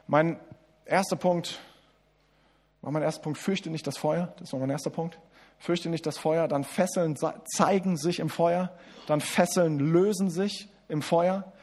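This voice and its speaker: A man delivering a sermon in German with a voice pitched a little high for a man. He speaks right to his listeners, full of restarts and fillers, rushing through asides and then slowing down hard on key lines. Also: darkish tone. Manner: addresses listeners directly as du, with many restarts and fillers; swings between quick asides and slow, emphatic lines. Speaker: preacher.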